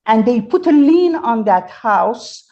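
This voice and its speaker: A woman's voice: fairly high pitch, big pitch swings, takes it slowly, warm tone, lo-fi sound. A woman representing herself in court, pleading her case insistently and formally to the judge. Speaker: self-represented defendant. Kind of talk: courtroom argument.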